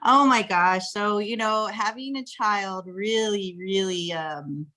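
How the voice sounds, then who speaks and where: Animated, playful woman guest laughing often. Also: medium pitch, takes it slowly. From Texas. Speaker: podcast guest, flirt coach. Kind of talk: casual interview chat.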